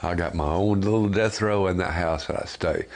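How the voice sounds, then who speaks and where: A man's voice: sits low, normal speed, darkish tone. A man, speaking bluntly in a documentary interview about his life after death row. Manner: plainspoken, blunt. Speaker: exonerated death row prisoner.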